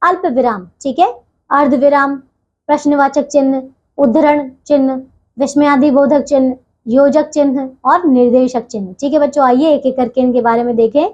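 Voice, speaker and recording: A woman teaching a grammar lesson to children, patient and steady, pausing between phrases and often checking they follow. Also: high voice, lo-fi sound. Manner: patient, keeps asking "theek hai bachchon?"; leaves deliberate pauses between phrases.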